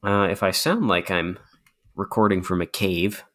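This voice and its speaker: A man's voice: low voice, moderate pace, fairly bright tone. A man in his twenties chatting casually as a podcast co-host, joking and self-deprecating, with the cave-like echo of a bare room. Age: 20s. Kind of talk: casual chat.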